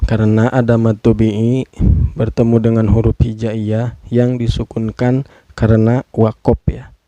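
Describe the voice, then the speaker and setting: A man's voice: lowish voice, level tone, a little slow, dark tone, no echo. A man teaching Quran recitation rules, patiently spelling out each rule and stretching words to demonstrate. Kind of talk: tajwid lesson with slow demonstrative recitation.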